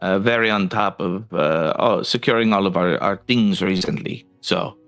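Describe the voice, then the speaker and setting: A fussy, folksy guild leader rambles through instructions full of hesitations, as a man plays him at a raised pitch. The voice has a gravelly edge. Soft music plays underneath. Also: normal speed. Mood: fond.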